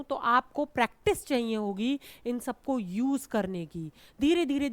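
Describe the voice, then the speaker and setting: Indian woman grammar teacher, high-pitched, patient explainer, dry recording. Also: fairly bright tone, no echo. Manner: explains patiently, calls students "beta"; repeats and checks with "theek hai". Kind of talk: classroom grammar lesson.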